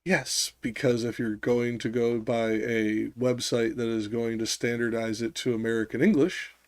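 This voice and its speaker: A man hosts a casual live stream, his voice sitting at a middling pitch. He rambles along, stacking ums, likes and false starts, with the occasional curse dropped in. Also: level tone, normal speed, no echo. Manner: rambling, heavy fillers and restarts, swears. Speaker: streamer host.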